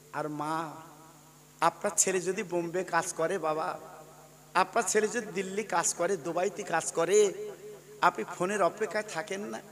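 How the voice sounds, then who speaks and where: A male preacher from India giving an emotional storytelling sermon that swings from shouting to low murmurs. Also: in a large hall. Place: outdoor religious gathering.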